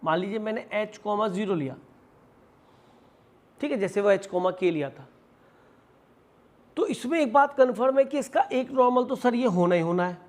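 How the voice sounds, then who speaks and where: A man's voice: sits high, lively intonation, moderate pace, long pauses. A man teaching maths in a classroom lecture, explaining step by step, asking and answering his own questions, and calling students "beta" as he mixes English math terms into his talk with an Indian accent. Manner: addresses students affectionately as "beta"; switches between Hindi and English math terms.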